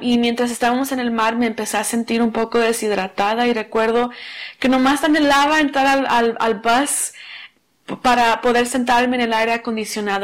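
A young woman delivers a Wednesday service sermon in a slightly higher-than-average voice. She talks in an earnest, conversational way, full of fillers and false starts. When she reads scripture aloud, she slows down. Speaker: preacher.

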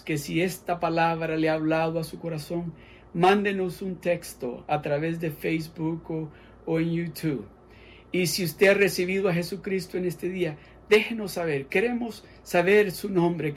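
A male pastor gives an altar-call sermon in a high voice. He speaks at an unhurried pace, drawing out his lines, and he moves between fervent pleading and near-whispered prayer as the listeners repeat after him. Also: husky.

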